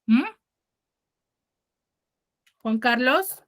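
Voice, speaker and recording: A woman's voice: on the high side, animated, extremely slow. A woman teacher giving an online class, explaining patiently and checking on her students with frequent questions. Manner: patient, explanatory, stresses key words.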